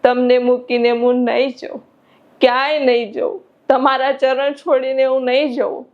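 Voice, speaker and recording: A woman's voice: high-pitched, little pitch movement, moderate pace. A woman voicing a devoted young male disciple who pleads emotionally with his guru. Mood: tearful pleading. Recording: dull lo-fi recording.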